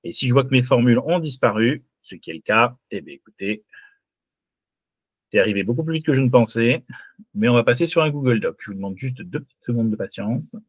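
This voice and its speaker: A finance teacher runs a live online class, walking through a spreadsheet and often checking in with "d'accord?" to make sure students follow. He's lively and a little fast, with a mid-range voice that has a breathy edge. The recording is dry and lo-fi.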